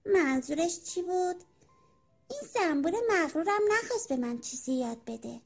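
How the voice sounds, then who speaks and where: A tiny green worm full of envy, whining in a very high, tearful voice, as a woman puts it on for a children's storybook. Each line comes out sulky and pleading. Soft music plays faintly behind. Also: animated, creaky. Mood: hurt, sulky. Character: small envious green worm, whiny and eager. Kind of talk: storybook character voice.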